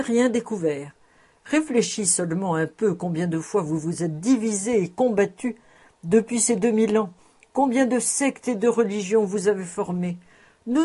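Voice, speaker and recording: A woman's voice: mid-range voice, warm tone, breathy edge. A woman voicing a shrewd old rabbi. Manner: sly, proverb-loving, nasal at times.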